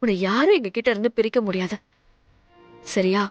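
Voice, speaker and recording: An actress playing a caring young stepmother who gently coaxes and soothes a frightened little girl in a TV serial. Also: medium pitch, expressive, a little fast, highs cut off, soft background music, lightly acted. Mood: soothing. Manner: gentle, coaxing, soothing a crying child. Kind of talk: TV serial acting.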